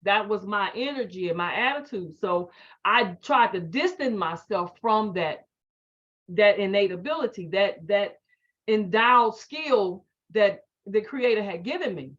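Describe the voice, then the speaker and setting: A middle-aged woman, telling an animated, emphatic story to a group. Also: medium pitch, unhurried. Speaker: speaker. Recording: dull lo-fi audio.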